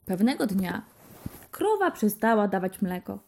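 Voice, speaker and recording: Slow, gentle woman storyteller. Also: medium pitch, very animated, gravelly. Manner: gentle, unhurried narration. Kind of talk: reading a fairy tale to children.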